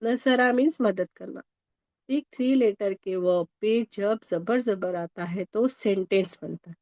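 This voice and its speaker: A woman's voice: mid-range voice, darkish tone, no echo. A woman teacher giving a grammar lesson with a Pakistani Urdu accent, going over each point patiently and often stopping to check that students follow. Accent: Urdu-speaking Pakistani.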